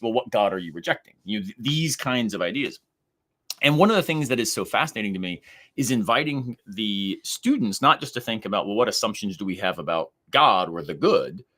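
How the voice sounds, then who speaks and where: Low-voiced man co-hosting a podcast. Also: a bit bright. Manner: thoughtful, laughs easily. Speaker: podcast co-host. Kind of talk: casual conversational discussion.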